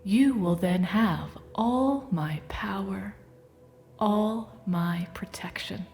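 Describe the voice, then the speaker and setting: A woman playing a serene, motherly Earth Mother goddess in a guided-meditation audio drama, with a warm, soothing, softly breathed voice. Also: mid-range voice, very slow. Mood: serene, nurturing. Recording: music bed behind the voice.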